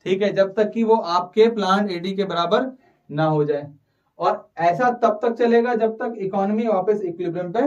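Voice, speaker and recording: A man teaches economics to a live online class, pressing his students for quick answers. His voice sits high for a man. The sound is dull and a little distant from the mic. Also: darkish tone. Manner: urges students to answer quickly, mixing Hindi and English terms.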